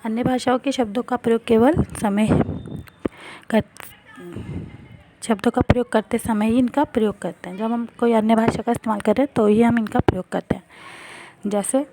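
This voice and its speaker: A woman teacher giving a grammar lesson to schoolchildren, explaining slowly and answering her own questions. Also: fairly high pitch, fairly even intonation, background noise.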